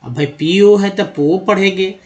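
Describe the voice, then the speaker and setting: A man's voice: high voice, a little slow. A man giving a spoken lesson on reading English. He explains step by step, often repeats words and asks his listeners questions. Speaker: English teacher.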